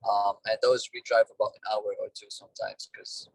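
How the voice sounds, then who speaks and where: A man talking over a car speakerphone while driving, a business owner giving plain, halting explanations in a casual interview. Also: on the low side, level tone, vocal fry, a little hiss or hum. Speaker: duct cleaning business owner, guest. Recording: distant car speakerphone call.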